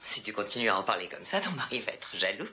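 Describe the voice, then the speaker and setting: An actress playing a worldly, haughty, sharp-tongued middle-aged mother in dubbed film dialogue. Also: very deep voice, sing-song, fast talker, exaggerated voice. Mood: dry, teasing. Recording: film soundtrack with clear background noise.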